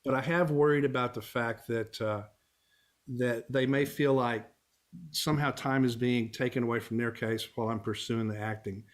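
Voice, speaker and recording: Middle-aged man from Texas, easygoing interview guest, mid-pitched voice. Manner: easygoing storyteller, chuckles while talking. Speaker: guest, family law attorney and actor. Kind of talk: casual interview conversation.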